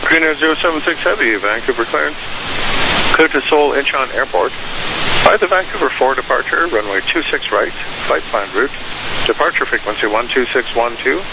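A male air traffic controller rattles off clipped clearances at a quick pace, reading numbers digit by digit. He comes through a pilot's headset radio with clear hiss. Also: mid-range voice, lively intonation, dull audio. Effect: aviation radio, heard over a pilot headset. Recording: hissy band-limited aviation radio.

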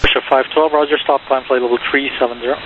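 A man's voice: medium pitch, fairly even intonation, fast. A man working as an air traffic controller, giving procedural instructions over the radio. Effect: radio transmission. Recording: tinny narrowband radio with hiss.

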